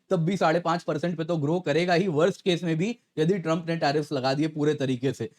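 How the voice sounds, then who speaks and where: Here the man's voice is high in pitch but darkish in tone. Acting as an educator on current events, he chats with viewers, poses rhetorical questions, and walks them through the news.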